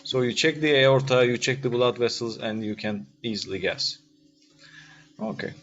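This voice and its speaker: A radiology lecturer with a Turkish accent gives an informal, interactive class in English, his second language, over an online video call, phrasing things hesitantly and often asking checking questions. His voice is medium-pitched and fairly bright at a moderate pace. The lo-fi call sounds dull, with faint noise and faint music behind.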